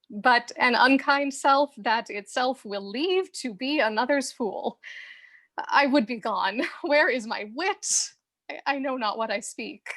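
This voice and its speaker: A woman's voice: high voice, fairly bright tone, full character voice. An actress playing a witty young woman in love, flustered and laughing between lines of stage verse.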